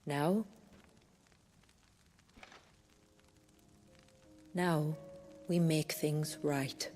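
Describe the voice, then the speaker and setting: An actress playing a proud, protective warrior chief in a video game, speaking in a solemn, deliberate way. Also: female voice, deep voice, steady tone, mellow. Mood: calm, resolute. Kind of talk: dramatic video game acting. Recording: long reverb, music behind.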